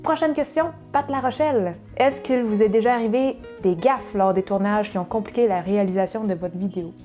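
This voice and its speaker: A Québécoise woman in her thirties from Saguenay, Quebec, co-hosts a cooking channel and speaks with a Québécois French accent. Her mid-range voice has a mellow tone, and in this casual Q&A chat she talks fast and chattily, full of fillers and restarts. Faint music plays behind her.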